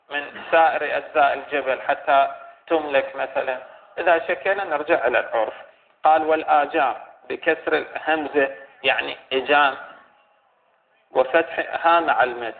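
A man teaching a religious legal text in a lecture, pausing and restating phrases as he explains. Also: a little high, gravelly. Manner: halting, repeats and restates phrases while explaining. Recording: tinny phone-like recording with faint hiss.

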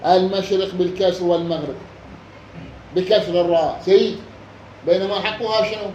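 A man with an Iraqi Arabic accent teaching a classroom lesson, reading a passage slowly, then explaining it and quizzing his students. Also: high voice, steady tone, darkish tone, highs cut off. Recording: echoey room with faint background noise.

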